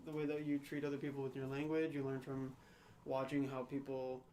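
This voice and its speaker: Speaking fairly quickly in a monotone, a young podcast co-host with a mid-range, slightly mellow voice works through ideas in casual discussion. He's thoughtful and hedging, often saying "right?" and "you know," and there's a little hiss or hum.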